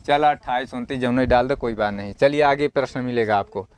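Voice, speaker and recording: A man's voice: medium pitch, brisk, clean tone. A male Sanskrit teacher going through a model exam paper. He reads Sanskrit lines aloud, explains them in plain Hindi, and keeps asking the class questions that he answers himself, in a homely, encouraging way. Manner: homely and encouraging, with everyday comparisons.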